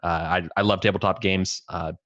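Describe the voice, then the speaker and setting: A man's voice: sits low, steady tone, normal speed, a bit bright, no room sound, muffled recording. A man in his late twenties, a guest on a podcast who runs tabletop games, talking casually in a laid-back way. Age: late 20s. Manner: laid-back, lots of "uh" fillers and restarts.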